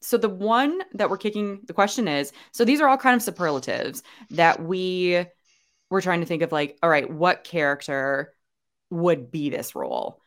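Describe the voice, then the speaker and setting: A young woman co-hosting a relaxed podcast speaks with a fairly low, very animated voice at a moderate pace. She rambles chattily with frequent fillers and restarts.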